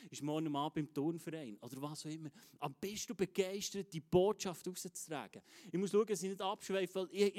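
A man with a Swiss German accent preaches to his congregation in a fairly high voice. His delivery is energetic and emphatic, and he turns to address people in the room directly. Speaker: pastor. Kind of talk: enthusiastic live sermon. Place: church service.

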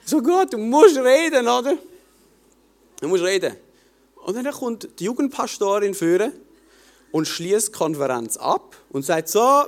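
A young man with a Swiss German accent, telling a personal faith story in a lively storytelling manner and acting out his own prayers. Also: a little high. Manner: animated storytelling, acts out his own prayers, frequent tag questions. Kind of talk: personal testimony talk.

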